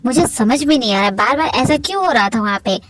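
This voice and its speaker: A woman's voice: fairly high pitch, expressive, quick pace, a bit bright, no echo, pitched below the performer's own voice. A woman voicing a cold, brooding rich young husband who speaks curtly and with suspicion. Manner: curt, suspicious.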